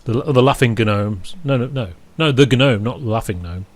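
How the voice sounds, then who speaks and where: A man's voice: mid-range voice, moderate pace. A man chatting casually as a podcast co-host, rambling and interrupting himself, with dry chuckles. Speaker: podcast co-host reviewing an album. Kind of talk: casual chat.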